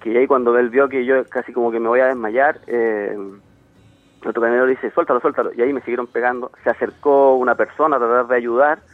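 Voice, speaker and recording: A man with a Chilean accent tells his account at a rapid clip, acting out what others said as he goes. He comes through a thin, tinny phone line with no room sound around him. His pitch sits in an ordinary middle range. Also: steady tone, dry recording. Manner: rapid retelling full of quoted dialogue. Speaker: interviewee on a radio call.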